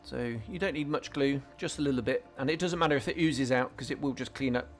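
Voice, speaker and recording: Soft music plays faintly beneath a scale modelling channel host as he gives a relaxed tutorial voice-over. In a mid-pitched voice he explains the hobby build while working, pausing on ums and restarting his sentences.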